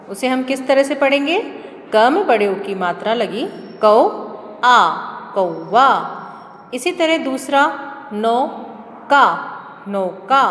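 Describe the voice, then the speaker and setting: A woman teaching young children to read, sounding out words slowly, one syllable at a time. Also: fairly high pitch. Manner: slow, drawn-out syllable-by-syllable word reading. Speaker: primary school teacher. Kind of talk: classroom reading lesson for children. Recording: echoey room with long reverb and faint hiss.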